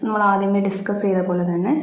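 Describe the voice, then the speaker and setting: A woman's voice: medium pitch, flat delivery, quick pace. Echoey Malayali woman teacher mixing Malayalam and English. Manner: mixes Malayalam and English, switching within sentences; explanatory, repeats key definitions and points. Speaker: biology teacher for an online channel. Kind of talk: school lesson explanation. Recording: roomy echo, slightly dull sound.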